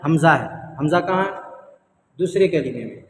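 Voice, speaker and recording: A man teaching the rules of Quran reading, explaining step by step, asking and answering his own questions, and chanting the verses slowly. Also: a little high, animated, gravelly, roomy sound, big-room sound, slight background noise.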